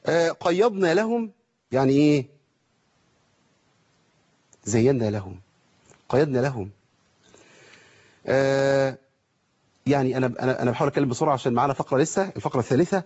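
A man with an Egyptian Arabic accent teaching Quran recitation, asking his viewers rhetorical questions and slowly sounding out examples. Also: medium pitch, darkish tone, lo-fi sound. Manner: asks rhetorical questions, demonstrates pronunciation slowly. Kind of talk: televised lesson.

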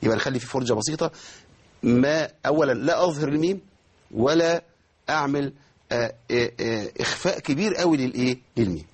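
Egyptian man as recitation teacher, rapid and a little raspy, calls on students and models verses slowly. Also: medium pitch. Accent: Egyptian Arabic. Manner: quizzes students by name, demonstrates verses slowly. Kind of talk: tajweed lesson with students.

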